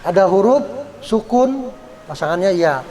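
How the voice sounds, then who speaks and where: In a study gathering hall, a male Quran teacher leads a recitation lesson in a high, animated voice with a darkish tone. He patiently explains step by step, often adding "ya," and draws out example words slowly when chanting them. Faint noise sits behind him.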